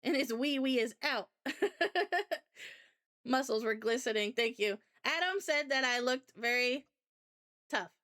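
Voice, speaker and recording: A woman's voice: high voice, expressive, slow pace, fairly bright tone. A woman streamer casually telling a rambling, chatty anecdote to her viewers. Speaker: VTuber streamer. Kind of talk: casual storytelling chat.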